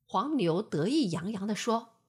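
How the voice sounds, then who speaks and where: Slow, breathy woman telling a bedtime story. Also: mid-range voice. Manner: gentle, expressive storytelling.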